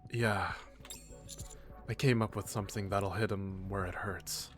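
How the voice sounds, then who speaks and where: Man reading a game story slowly. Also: lowish voice, fairly even intonation, faint music behind. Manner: casual, plays the commander in his own voice.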